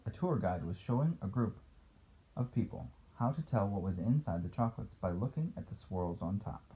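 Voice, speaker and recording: A man's voice: on the low side, animated, normal speed, warm tone, lo-fi sound. A man reading a picture book aloud as a father to a child, playful, with casual asides and questions.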